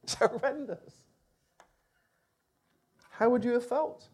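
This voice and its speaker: Man, preacher, high voice, animated sermon delivery. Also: slow pace, husky. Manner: expressive, animated, with rising emphasis.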